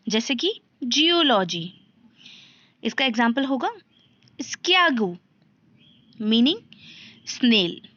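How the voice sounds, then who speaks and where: A woman teaches slowly and patiently, repeating each letter and asking rhetorical questions as she goes. Her voice sits a little high. The recording is slightly muffled and lo-fi. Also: fairly bright tone. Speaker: language teacher. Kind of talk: slow step-by-step lesson.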